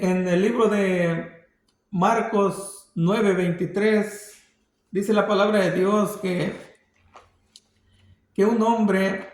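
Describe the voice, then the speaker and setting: A man preaching a sermon, speaking in a slow, halting way that often repeats words. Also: sits high, roomy sound.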